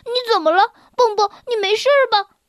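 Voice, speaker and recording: A playful young frog boy with a bright, very high voice who loves to tease and giggle, as a woman reading a storybook puts him on. He drawls his words out slowly and the recording is close and dry. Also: expressive, no room sound. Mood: concerned. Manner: teasing, giggly.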